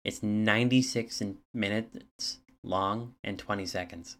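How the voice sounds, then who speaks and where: Man, podcast co-host; very low voice, casual, reads facts with hesitant fillers. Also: fairly even intonation, a little slow, a bit bright. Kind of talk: casual chat.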